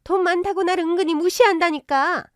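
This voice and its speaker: A woman voicing a pushy, indignant middle-aged mother-in-law who rants loudly. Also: very high voice, fairly even intonation, a little fast, no room sound, clean studio sound, pitched above the performer's own voice. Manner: loud, indignant, ranting.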